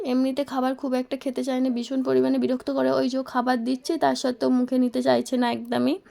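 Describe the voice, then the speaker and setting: A young mother and vlogger chats about her day of household chores, recorded on a phone. Her voice is high, creaky, and a little mellow, and her narration feels homely and talkative.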